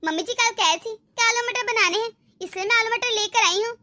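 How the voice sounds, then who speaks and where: A woman voicing a meek, hardworking young daughter-in-law in an animated family drama, speaking politely and defending herself. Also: extremely high pitch, a little fast.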